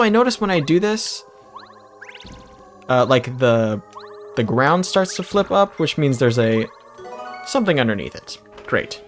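A man giving casual let's play commentary, rambling through jokey asides as he plays. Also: on the high side. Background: game music.

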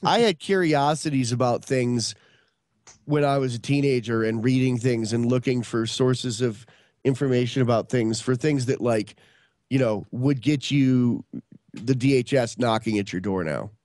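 A man in his early fifties from upstate New York rambles through casual stories as a guest on a podcast video call, full of restarts and fillers. His voice is medium-pitched and slightly mellow, at a moderate pace, with no room sound.

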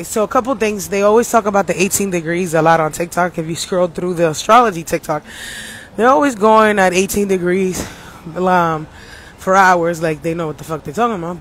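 A man's voice: high-pitched, fairly quick, a bit bright, slight background noise. A man hosting a casual livestream as an astrologer, joking around and putting on a mock announcer voice, talking into his phone.

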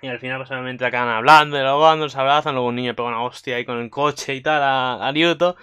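A man's voice: mid-range voice, fast, clear, resonant tone. Rambling guy recapping anime. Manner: rambling, filler-heavy, excitable. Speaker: anime commentary vlogger. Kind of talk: casual episode recap.

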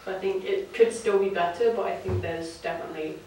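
A woman's voice: lowish voice, fairly even intonation, a little fast, darkish tone. Young woman, vox pop interviewee, chatty, distant mic, echoey room with faint hiss. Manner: chatty, with fillers. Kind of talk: casual vox pop answer.

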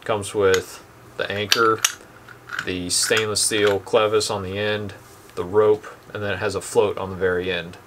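A man's voice: fairly low pitch, measured pace, noisy background. A young man casually showing off two boat anchors at home, talking plainly with lots of ums. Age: young adult. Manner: relaxed, plain-spoken, many ums. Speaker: channel host reviewing boat anchors. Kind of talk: casual product demo. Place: dim indoor room at home.

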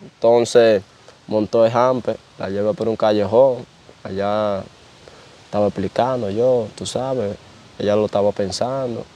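A man's voice: lowish voice, steady tone, measured pace, mellow, a little hiss or hum. A young man, telling a story in a casual interview and often repeating "dice ella, di que" as he recounts who said what. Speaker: interview guest.

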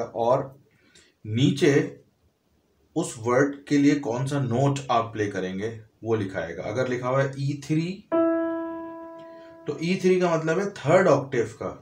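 In an echoey room, a male music teacher with a mid-range voice walks through a piano lesson step by step, counting aloud and calling out each note.

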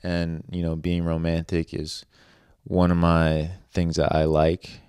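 A man's voice: sits low, completely flat delivery, slow, darkish tone, smooth, no echo, clean studio sound. A young man in his early twenties chatting casually on a podcast, rambling and leaning on fillers like "like" and "you know.". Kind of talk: casual chat.

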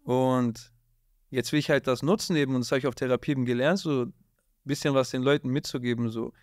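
Talking fast and loading his speech with street slang and "Bruder" after "Bruder," a rapper tells lively stories as a guest in a casual interview. He sits in a dark studio lit in blue, his mid-pitched voice captured close and dry by a boom-arm mic with no room sound.

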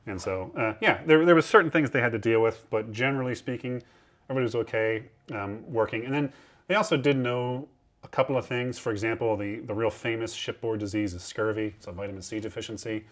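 Talking fast in a mid-range voice, a man in his thirties guides visitors below deck on a historic ship using a lapel mic. He's chatty and explanatory as a museum ship guide, and he acts out the sailors he quotes.

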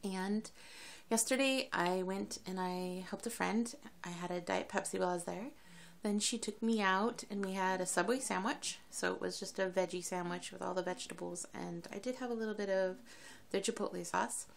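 A woman vlogger chatting casually to camera in a rambling, quick way, full of fillers, as she keeps a daily diet diary. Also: mid-range voice, creaky.

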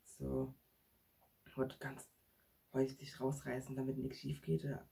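An excitable male vlog host talks straight to his viewers with a gravelly edge. His tone is deeply husky, almost airy, at a middle pitch. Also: measured pace. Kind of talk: staged real-life prank vlog.

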